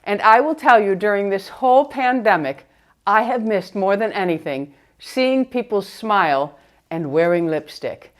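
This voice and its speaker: A woman's voice: mid-range voice, lively intonation, a little slow. A middle-aged woman beauty vlogger chatting casually, her speech muffled by a face mask. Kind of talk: casual get-ready-with-me chat.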